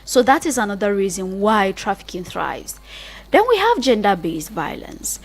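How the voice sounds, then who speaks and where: A Nigerian-accented woman gives an explanatory radio talk in an earnest, emphatic way, often repeating phrases as she lists her points. Her mid-range voice moves through big pitch swings at a normal speed.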